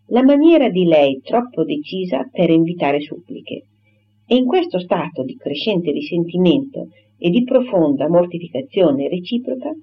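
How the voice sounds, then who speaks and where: A woman reading a classic novel aloud in a measured, literary narration. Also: lowish voice. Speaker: audiobook reader. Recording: dull lo-fi recording.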